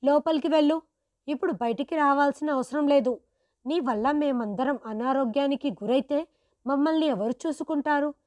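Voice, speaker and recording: A woman's voice: high voice, moderate pace, no room sound, pitched above the performer's own voice, close to an everyday voice. A woman putting on an angry, scolding grown son. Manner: shouting, scornful scolding. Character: harsh angry adult son scolding his sick father.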